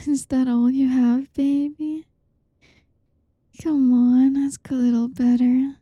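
A young woman in an intimate whispered roleplay, softly teasing and coaxing with a breathy voice, close to the mic. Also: sits high, no room sound, highs cut off. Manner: teasing, coaxing, soft-spoken. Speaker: audio roleplay performer.

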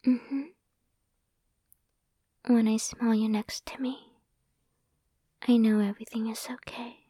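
A young woman whispers close to the microphone in an intimate ASMR roleplay, sweet and affectionate. Her voice is breathy and mellow, a little high, and she speaks slowly and evenly. The sound is dry, with no room around it. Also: little pitch movement, no room sound. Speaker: ASMR performer. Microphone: close sensitive microphone.

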